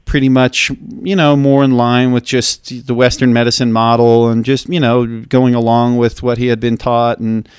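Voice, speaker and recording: A man hosts a podcast, his questions eager and rambling, his sentences often breaking off and starting again. His voice is smooth and clear, recorded close and dry. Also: medium pitch, little pitch movement, normal speed, hardly any pauses, no echo. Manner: enthusiastic, rambling, with frequent restarts. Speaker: podcast host. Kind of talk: casual interview talk.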